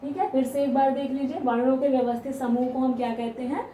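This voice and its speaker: A woman teaching grammar, explaining step by step, asking questions and answering them herself, and stretching out example sounds slowly. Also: high-pitched, steady tone, dark tone, slight background noise. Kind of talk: classroom explanation. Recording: echoey room, voice from a distance.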